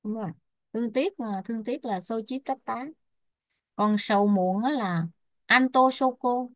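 Một người phụ nữ đang giảng bài, đọc chậm từng thuật ngữ, đánh vần rồi giải nghĩa như cho học viên chép. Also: female voice, a little high, dry recording, studio quality. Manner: spells out Pali terms and glosses them slowly. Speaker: Buddhist Abhidhamma teacher. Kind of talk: slow dictation-style teaching.

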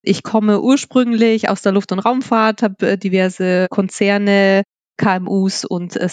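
A woman's voice: mid-range voice, a little mellow, no echo. A woman in her thirties, a podcast guest speaking in an enthusiastic, personal way about her project. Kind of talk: casual interview talk.

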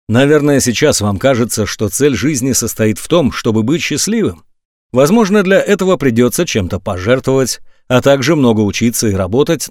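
A man reads a nonfiction audiobook aloud in an emphatic, scripted style, his pitch rising and falling with animated energy. His voice sits at a middle pitch. The recording is dry and close, with no room sound around him. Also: no room sound. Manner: lively, emphatic reading with wide swings of pitch. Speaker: audiobook narrator.

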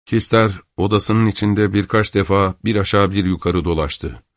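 Low-voiced male audiobook narrator. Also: moderate pace, no room sound, clean studio sound. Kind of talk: scripted narration.

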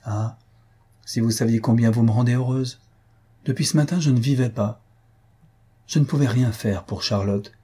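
A man voicing a young countess, sorrowful and fervent, in a raised, gentle voice. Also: mid-range voice, steady tone, normal speed, pauses often, husky, natural voice. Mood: relieved. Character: grieving, warm-hearted young countess.

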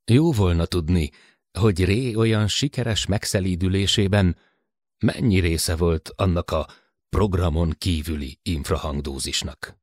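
A man narrating a science-fiction audiobook in a measured, expressive reading voice. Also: sits low, no echo, clean studio sound.

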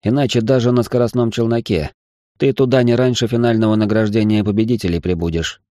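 A man's voice: fairly low pitch, fairly even intonation, fast, mellow, dry recording, clean studio sound, voice pushed up, lightly acted. A man voicing a polite male negotiator making a persuasive offer in an audiobook reading. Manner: courteous, persuasive.

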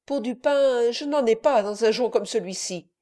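A woman's voice: fairly high pitch, normal speed, mellow, close to an everyday voice. A woman voicing a wary, calculating middle-aged innkeeper in a storybook reading, polite but guarded.

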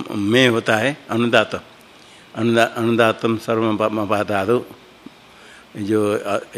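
Slow, low-voiced male teacher. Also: a bit bright. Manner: halting, thinking aloud, repeating and correcting terms. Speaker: Sanskrit grammar teacher. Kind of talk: slow classroom explanation of a grammar text.

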